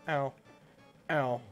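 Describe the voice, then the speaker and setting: A man's voice: very high-pitched, darkish tone. A man streaming a game while sick, groaning and poking fun at himself in casual chat. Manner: groaning, self-mocking complaints.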